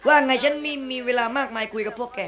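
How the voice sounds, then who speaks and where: A man's voice: very high voice, fast. A man voicing a haughty young woman, a guardian spirit's daughter, in a shadow-puppet play, threatening intruders in a stern, formal way. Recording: loud puppet-theatre band music behind.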